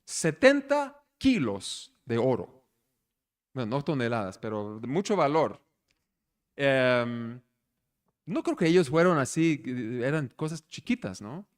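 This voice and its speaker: Lively, animated male pastor preaching. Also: medium pitch, slow pace. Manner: animated storyteller, asks the congregation questions. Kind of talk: conversational sermon. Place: church service.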